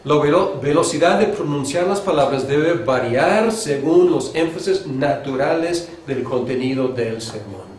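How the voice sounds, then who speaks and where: A man from Mexico gives a seminary lecture on preaching in a loose, conversational way. He swings his own voice up and down to show the points he makes. His voice sits a little high, and the room echoes with a faint hiss behind it. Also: animated, a little slow, few pauses, a little mellow. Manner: demonstrates pitch and pace shifts with his own voice; conversational, with fillers and restarts. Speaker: homiletics teacher. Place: seminary classroom.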